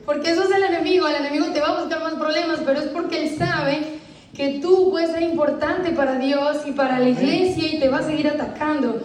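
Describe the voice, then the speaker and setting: A woman's voice: high-pitched, steady tone, a little fast, slight background noise. A woman giving an earnest, emotional personal testimony to a church congregation. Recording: echoey room, voice from far off.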